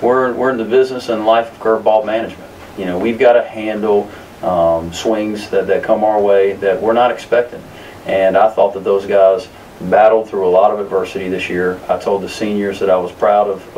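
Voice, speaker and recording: Deep voiced coach guy in his 30s at a press conference, talks slow and careful with lots of ums, kinda far from the mic, bit of hiss. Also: darkish tone. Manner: measured, many fillers and restarts. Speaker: basketball coach. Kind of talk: post-game press conference answers. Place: press room in front of a sponsor backdrop.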